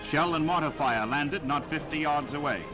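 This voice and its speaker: In a vintage soundtrack under loud music, a man with a fairly high voice narrates a 1940s newsreel. His delivery is dramatic and declamatory, with emphatic, measured phrasing.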